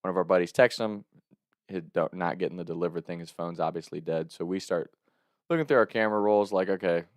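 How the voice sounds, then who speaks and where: A young man with a fairly low voice tells a true story in a loose, animated way. He laughs often and acts out the quotes. The recording is close and dry. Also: brisk, no room sound. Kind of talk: casual storytelling.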